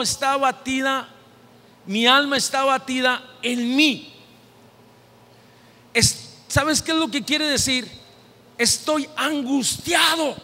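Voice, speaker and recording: Mexican male pastor, deliberate unhurried sermon delivery that climbs into shouting, echoing through a church hall. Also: very high-pitched. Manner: impassioned preaching, rising to shouted repetition. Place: church sanctuary. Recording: long hall reverb in a church.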